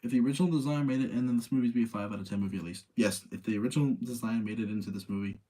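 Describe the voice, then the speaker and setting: Hosting a live ranking show about video game movies, a man talks to listeners in a casual, informal chat style and freely gives his own opinions. His voice is mid-range and warm, and he speaks rapid-fire.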